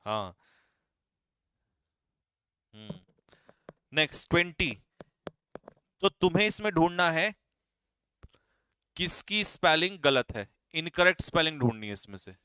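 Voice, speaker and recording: A man teaching English vocabulary for exam prep, quizzing students briskly and teasing them. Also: fairly high pitch, big pitch swings, bright, forceful tone, smooth, no echo. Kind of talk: live online exam-prep class.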